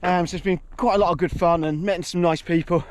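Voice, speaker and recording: A man's voice: high-pitched, fairly even intonation, fast, slight background noise. A man talking casually to camera while running a marathon outdoors, exerted and ruefully self-deprecating. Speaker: vlogger.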